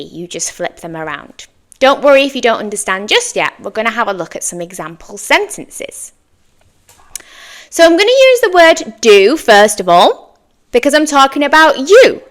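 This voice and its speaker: A woman presenting a scripted English lesson for learners, enunciating carefully and stressing key words in an instructional way. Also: medium pitch.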